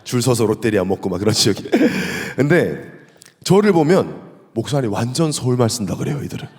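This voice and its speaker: A male pastor with a Gyeongsang accent, giving a lively, humorous sermon and asking the congregation questions. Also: medium pitch, a little fast. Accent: Gyeongsang Korean. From South Korea. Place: church sanctuary. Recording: echoey church hall.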